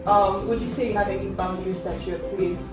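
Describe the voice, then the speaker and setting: A woman hosting a casual group interview, lively and teasing as she asks questions. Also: mid-range voice, fairly quick. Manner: lively, teasing, laughs often. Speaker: host. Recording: roomy, far from mic, background music.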